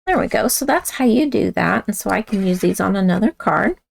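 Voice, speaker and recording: A woman with a raspy voice, chatting casually as she demonstrates a card-making craft and talks while she works. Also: medium pitch, animated, fairly quick. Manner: chatty, talks while working with hands, self-correcting. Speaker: craft instructor.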